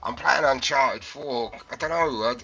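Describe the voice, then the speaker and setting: Tinny tin-can mic man, bright and rambling. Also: mid-range voice, unhurried, vocal fry, husky, soft background music. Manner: rambling, restarts sentences, many fillers. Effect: tinny cheap mic, like talking into a tin can, over a voice call. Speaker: livestream guest caller. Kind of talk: casual chat about video games.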